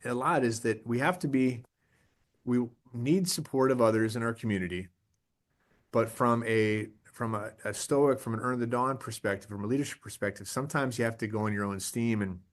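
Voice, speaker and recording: A man presenting a leadership webinar in a casual, energetic, conversational way, often restarting his sentences. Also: mid-range voice. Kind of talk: casual motivational talk.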